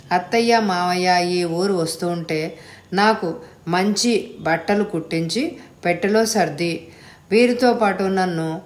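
A woman's voice: lowish voice, lightly acted. A woman voicing a teasing, playful young heroine in a storybook reading. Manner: teasing, light. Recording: echoey room.

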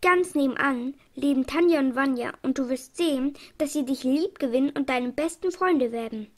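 A woman reading a loyal, excited monkey in a children's storybook, speaking eagerly. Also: sits high, normal speed, natural voice. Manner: eager and enthusiastic.

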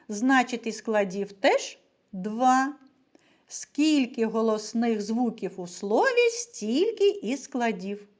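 A woman teacher giving a video reading lesson to young children, with slow, patient step-by-step instruction, asking them questions and calling them little ones. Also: a little high. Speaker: primary school teacher.

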